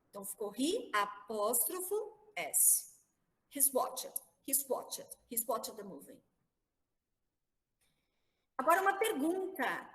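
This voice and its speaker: A Brazilian woman teaches an English grammar lesson over a video call, patient and careful, spelling words out letter by letter. Her voice sits a little high and carries a long reverb. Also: fairly bright tone. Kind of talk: online class explaining grammar.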